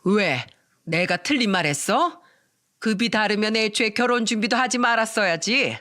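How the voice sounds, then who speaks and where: A woman's voice: medium pitch, animated, normal speed, pushed and bright. A woman voicing a haughty, contemptuous middle-aged future mother-in-law who scolds and sneers. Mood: scornful.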